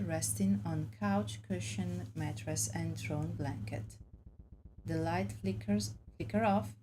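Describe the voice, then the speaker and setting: A woman's voice: fairly low pitch, warm tone, slight background noise, rough recording. A woman reading story game narration aloud in a dramatic storybook way, occasionally stumbling on words. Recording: music bed under the voice. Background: clear background music.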